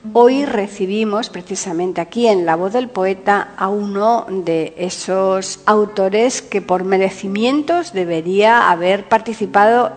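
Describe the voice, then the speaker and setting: A woman hosting a poetry podcast, reading a formal scripted introduction in a measured announcing manner. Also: mid-range voice, big-room sound. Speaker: podcast host. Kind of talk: scripted radio presentation.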